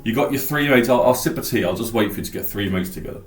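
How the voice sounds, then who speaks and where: A man's voice: on the low side, rapid-fire, reverberant, faint music behind. A man hosting a podcast, rambling enthusiastically about an album and thinking aloud. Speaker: podcast host. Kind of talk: casual album talk.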